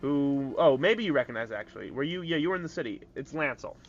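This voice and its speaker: A man narrating a tabletop game as game master, casual and halting with fillers. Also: a little high, expressive, dull audio, slight background noise.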